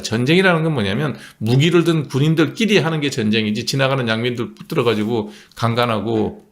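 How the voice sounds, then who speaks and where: A man's voice: medium pitch, vocal fry. A man delivering a political commentary monologue, explaining points emphatically and punctuating them with short affirmations.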